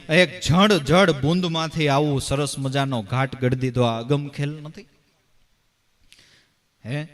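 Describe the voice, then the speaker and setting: A man preaching a devotional discourse in a slightly raised voice. He tells it with animation, pushing his voice up for emphasis and then letting it fall quiet, and keeps asking rhetorical questions. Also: a little high. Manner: animated storytelling, raising and dropping his voice for emphasis. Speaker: devotional preacher and bhajan singer.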